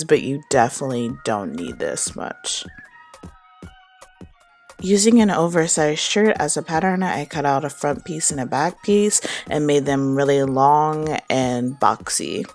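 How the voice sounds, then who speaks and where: Young woman, chatty giggly vlogger, casual sewing tutorial talk. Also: low voice. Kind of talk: casual chat to camera; voice-over sewing tutorial narration.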